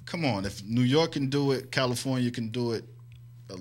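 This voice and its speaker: A man's voice: medium pitch, lively intonation, normal speed. A man from New Jersey, a guest on a radio talk show, telling stories in an easygoing, casual way.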